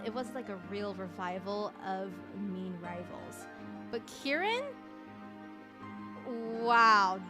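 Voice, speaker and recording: A woman streamer hosting a casual year-end awards stream, chatting with a fairly high, lively voice. She laughs often between lines, with faint music playing behind her.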